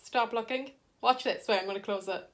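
A young Irish woman chatting casually through a makeup vlog in her bedroom, rambling and goofy, with sudden loud silly outbursts. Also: fairly high pitch, a little fast. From Ireland. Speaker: vlogger.

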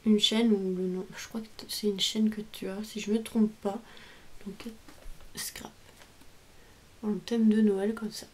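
A woman's voice: medium pitch, level tone, moderate pace. A woman hosting a craft video, chatting casually and gushing over cards and stamps she has received, stumbling a little over English phrases. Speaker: craft channel host opening mail. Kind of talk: casual unboxing chat.

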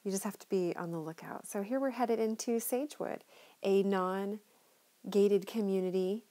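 A middle-aged woman, a local real estate tour guide, chats enthusiastically while narrating a tour of her neighborhood from a moving car. Her mid-range voice is warm and steady, with a moderate pace.

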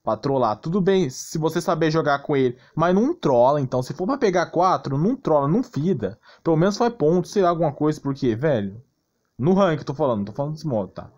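Brisk and animated, this Brazilian man's slightly high voice has a darkish tone on a lo-fi recording with background noise and clicks. Hosting a gaming channel, he gives casual tutorial commentary bluntly and with exasperation, repeatedly checking that you're keeping up.

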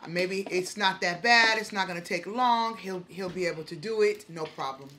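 A woman in her forties, her voice lowish, sharp in tone and moderately paced, runs a mukbang vlog from her home dining room. Filmed by a camera on the table in front of her, she tells casual stories to viewers while eating and acts out her reactions.

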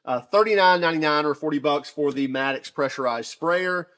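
A man casually reviewing shop tools off camera, talking in a chatty, relaxed way with many fillers and restarts. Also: on the high side, brisk. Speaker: tool reviewer.

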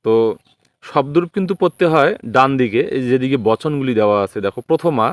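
A man's voice: medium pitch, lively intonation, fast, dry recording. A man with a Bengali accent teaching a school lesson, patiently explaining and reciting word forms step by step. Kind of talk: exam-prep lesson over typed slides.

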